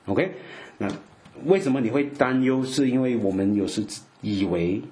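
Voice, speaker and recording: A middle-aged man preaches a sermon in a warm, mid-range voice at a moderate pace. He often stumbles and repeats words, fills gaps with frequent "ah" sounds, and keeps asking his listeners if they're OK.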